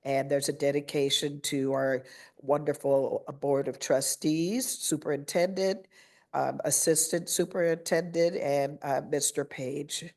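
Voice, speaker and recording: A woman principal presenting her school's news at a school board meeting, pausing often with fillers and a little nervous. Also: fairly even intonation, a little mellow. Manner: halting with fillers, voices children's chants in a high pitch.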